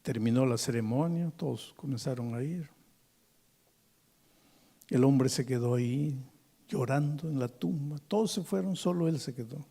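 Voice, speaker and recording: A pastor telling a story in a sermon, swinging dramatically between hushed and forceful delivery in church. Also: male voice, mid-range voice, normal speed, gravelly, long pauses, husky.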